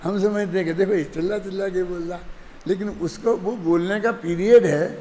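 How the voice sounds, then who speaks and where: A man's voice: high-pitched, steady tone, a little fast, warm tone. An older man teaching a religious discourse in a conversational way, often checking that his listeners follow. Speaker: Jain scripture teacher. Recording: hall reverb with faint ambient noise.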